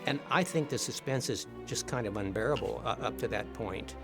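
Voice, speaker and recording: A man's voice: medium pitch, a little fast, over music. An older man, a former police officer turned author, reminiscing in a conversational, reflective way about a classic film. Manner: warm-hearted, reminiscing, conversational. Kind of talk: reflective interview commentary.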